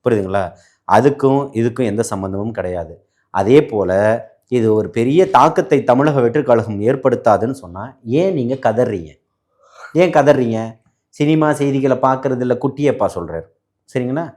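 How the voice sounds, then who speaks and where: A man's voice: mid-range voice, lively intonation, darkish tone. A man arguing in a heated political debate, mocking and talking over his opponent. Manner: mocking, rapid-fire, interrupting.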